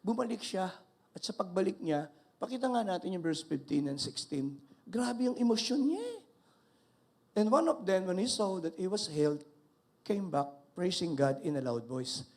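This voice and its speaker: An older male pastor preaching an animated sermon, mixing Tagalog and English and calling out to his congregation. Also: sits high, moderate pace, gravelly.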